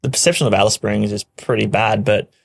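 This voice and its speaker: An easygoing Australian man chatting as a podcast guest, often chuckling and pausing on fillers. His voice sits a little low. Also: fairly even intonation, creaky, breathy edge. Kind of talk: casual chat.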